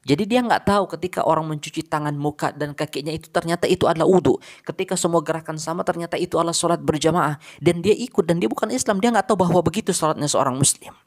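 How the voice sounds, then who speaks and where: Man, religious storyteller, gravelly voice, short punchy phrases, sudden pitch rises. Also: fast talker.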